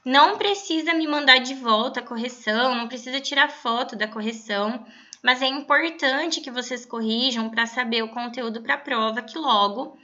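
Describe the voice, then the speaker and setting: A woman teacher giving a recorded online lesson, explaining patiently and reading verses slowly aloud. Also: fairly high pitch, sharp tone, dull audio.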